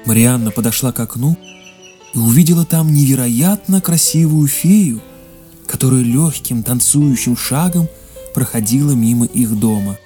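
A narrator reading a fairy tale in a measured, expressive way. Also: medium pitch, faint music behind. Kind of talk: storybook narration.

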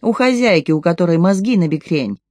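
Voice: mid-range voice, animated, brisk, darkish tone, no room sound, lightly acted. Brief: reader as a brash, rude neighbour woman, mocking tone, dry studio sound. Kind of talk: audiobook reading.

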